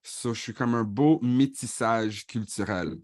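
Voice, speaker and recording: A man's voice: medium pitch, unhurried, darkish tone, no echo, clean studio sound. A man in his thirties with a Franco-Ontarian French accent, introducing himself and his music in a casual bilingual vlog, switching between French and English with easy fillers. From born in Paris, raised in Ottawa. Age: 30s.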